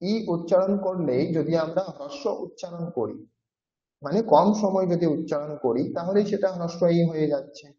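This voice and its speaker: This classroom lecture features a warm, slightly high male voice at normal speed. He's teaching a language class, patiently going over each sound and repeating it several times as a demonstration, and the audio is roomy and dull.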